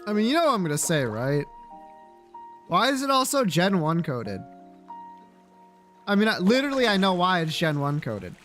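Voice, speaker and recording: A gaming livestreamer reacts to viewers in casual, blunt chatter that's slangy, sweary, and playfully opinionated. His high-pitched, fairly bright voice swings widely in pitch, moves at a moderate pace, and pauses often. Faint music can be heard behind him.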